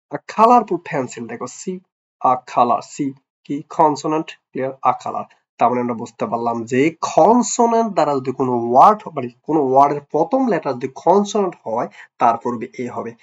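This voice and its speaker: A man teaching a grammar lesson to young pupils, often asking "clear?" and quizzing them with playful, affectionate words. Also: fairly high pitch, expressive, a little fast. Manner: repeats "clear?" and quizzes the listener; affectionate, teasing address to pupils. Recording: dull lo-fi recording.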